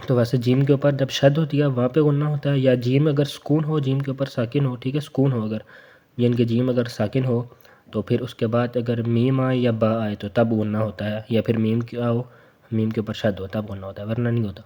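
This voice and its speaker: A young man teaching Quran reading, drawing out each spelled syllable slowly, then chatting casually between words. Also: mid-range voice, flat delivery, warm tone.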